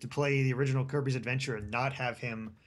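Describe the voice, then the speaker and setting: A man's voice: mid-range voice, fairly even intonation, fast talker. Easygoing man co-commentating over game music. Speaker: co-commentator on a gaming stream. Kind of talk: casual chat. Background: video game music.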